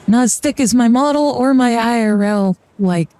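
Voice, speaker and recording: During a card reading on her live stream, a young woman chats casually, rambling and joking with fillers and brief laughter. She talks at a normal speed in a fairly high voice with a dark tone.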